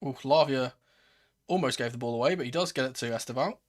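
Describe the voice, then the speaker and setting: A man's voice: medium pitch, quick pace. Man doing live football watchalong commentary. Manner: excitable, swearing, shifting from murmured play-by-play to raised exclamations. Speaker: host of a football watchalong stream. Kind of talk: live football commentary with casual fan reactions.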